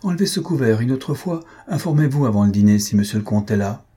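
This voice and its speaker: A man's voice: medium pitch, expressive, fast, warm tone, slightly rough. A man voicing an elderly dowager countess, a reproving yet motherly mother-in-law in a read-aloud novel. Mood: curt.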